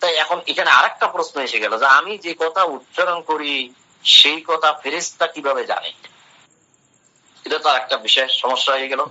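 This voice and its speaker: Bright-voiced man giving an Islamic talk. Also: fairly high pitch, brisk. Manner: translates Arabic phrase by phrase, asks and answers his own questions. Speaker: Islamic lecturer. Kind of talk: religious talk explaining Quran verses. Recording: dull lo-fi sound.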